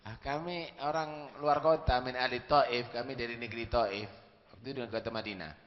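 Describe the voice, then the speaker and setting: A meek, apologetic out-of-town visitor, as a male preacher puts him on, speaking low and quietly as he explains himself. The sound is dull and lo-fi, ringing with a long hall echo. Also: fairly even intonation, a little fast, close to an everyday voice.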